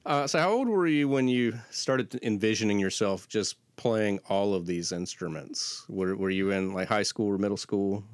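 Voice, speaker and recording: A man's voice: on the low side, moderate pace, few pauses, dry recording. A man interviewing a guest, asking easygoing questions and giving short acknowledgments. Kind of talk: casual interview chat.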